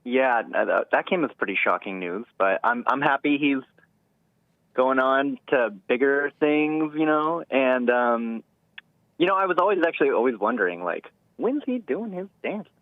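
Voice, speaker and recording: A man's voice: mid-range voice, normal speed, no echo. Hesitant male radio caller on a phone line. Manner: hesitant, rambling. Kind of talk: casual phone-in chat. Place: phone call to a radio show. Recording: thin band-limited phone line.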